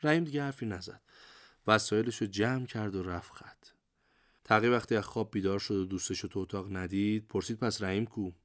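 An older man, a war veteran, telling his memories in a lively, conversational storytelling manner full of everyday idioms. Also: lowish voice. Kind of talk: colloquial memoir storytelling.

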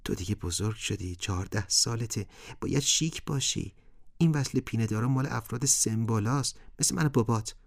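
A man voicing a gentle, humble mother in a storybook, speaking in a coaxing way. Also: low voice, fairly even intonation, hardly any pauses, no room sound, clean studio sound, natural voice.

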